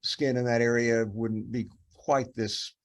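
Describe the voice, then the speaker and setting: Guy walking residents thru slides on a video call, lots of ums and restarts, mid pitch. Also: fairly even intonation, takes it slowly. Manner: explanatory, coaching, many restarts and fillers. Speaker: dermatopathology teacher hosting case review. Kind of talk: teaching a case review online.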